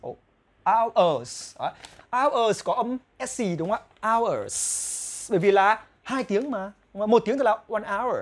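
A man with a Vietnamese accent teaching English pronunciation, repeating English phrases slowly between explanations. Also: high-pitched. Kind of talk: pronunciation lesson.

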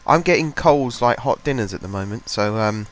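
This young gaming channel host sounds stuffy and congested from a cold as he talks through his game close to a microphone at his home desk. His mid-range voice is expressive and moderately paced, and his loose, chatty commentary rambles with fillers as he thinks aloud.

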